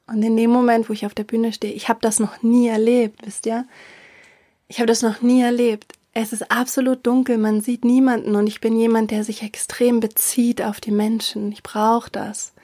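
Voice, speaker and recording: A middle-aged woman telling a personal story with emotion, haltingly, with fillers and restarts, often dropping to a whisper for emphasis. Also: fairly high pitch, flat delivery, dark tone, no room sound, studio quality.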